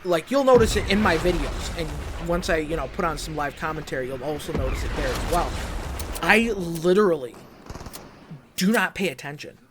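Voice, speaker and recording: A man who makes gaming videos, telling his viewers a story in a rambling, excitable way, full of fillers like "you know" and "like". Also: on the high side, fairly quick, crowd noise. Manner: animated, excitable retelling.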